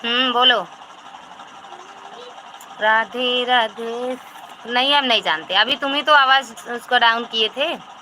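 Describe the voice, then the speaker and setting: Woman, Awadhi-accented Hindi, live-stream host, chatty, greets viewers by name, piercingly bright tone, slight background hiss. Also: a little high, takes it slowly, pauses often. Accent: Awadhi-tinged Hindi. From Uttar Pradesh, India. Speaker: livestream host.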